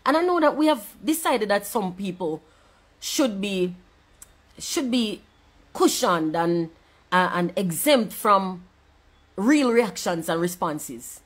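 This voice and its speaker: A woman's voice: mid-range voice, expressive, takes it slowly. A woman with a Jamaican accent delivering an angry, profane rant, switching between patois and standard English. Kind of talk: angry ranting monologue.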